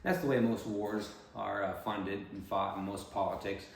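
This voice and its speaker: Low-voiced man rambling in an echoey room. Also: steady tone, moderate pace, vocal fry. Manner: digressive, musing, tag questions. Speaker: independent political candidate. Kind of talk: rambling casual monologue.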